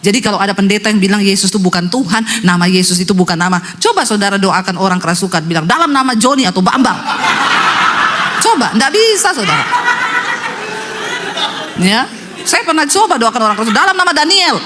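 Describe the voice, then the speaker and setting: A woman pastor preaching a sermon, animated and joking, addressing the congregation directly. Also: medium pitch, fast, heavy background noise.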